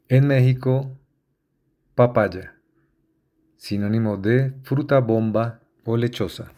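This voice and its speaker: A man reading dictionary entries aloud in a measured way, spelling out how each word ends. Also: mid-range voice, dark tone.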